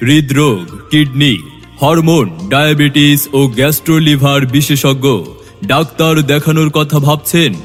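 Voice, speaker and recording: A male announcer giving a scripted promotional announcement over a PA loudspeaker, in a measured, declaiming delivery. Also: fairly high pitch, level tone. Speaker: advertisement announcer. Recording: long reverb with music bed.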